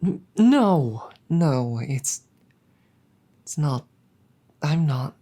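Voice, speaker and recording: In this roleplay audio drama, a woman voices a bashful, loving dragon girlfriend who talks in a formal, apologetic manner full of hesitant stammers. Her low, warm voice has a sing-song lilt in a full character performance, and she comes across as evasive and embarrassed.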